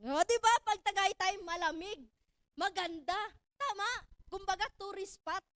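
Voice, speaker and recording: A young woman from Cebu telling her own story to an audience in a lively, laughing way, often raising her voice to exclaim. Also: very high voice, normal speed, dry recording, studio quality. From Cebu, Philippines. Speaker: speaker sharing her story.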